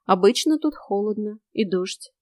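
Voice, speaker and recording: A woman voicing a quiet, brooding young man who speaks tersely. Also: mid-range voice, animated, measured pace, no room sound, clean studio sound, lightly acted. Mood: subdued. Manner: terse, subdued.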